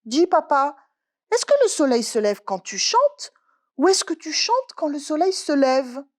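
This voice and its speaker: Brief: chatty little chick for a storybook, played by a woman, higher and lively, always questioning. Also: a little slow. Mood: curious. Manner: inquisitive, then tearful and fed up.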